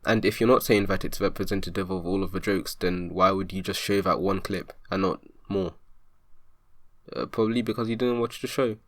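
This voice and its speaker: A man with a lowish voice argues back point by point, exasperated and insistent, in the manner of an online commentary. His voice sounds close and dry, with no room around it. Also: fairly even intonation, a little fast, a bit bright, no echo. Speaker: video commentator rebutting a review. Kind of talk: argumentative commentary.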